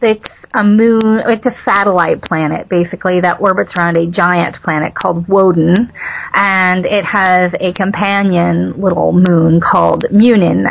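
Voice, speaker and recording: Chatty woman with a gravelly voice. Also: on the low side. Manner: chatty, laughs often, many fillers. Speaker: novelist guest. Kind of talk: casual interview chat. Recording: muffled lo-fi audio with faint noise.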